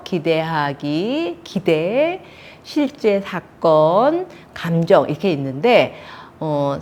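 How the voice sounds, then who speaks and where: A woman in her sixties teaching a counseling class, telling stories and acting out the quoted lines. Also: on the low side. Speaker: counseling instructor. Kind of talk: lecture on counseling technique.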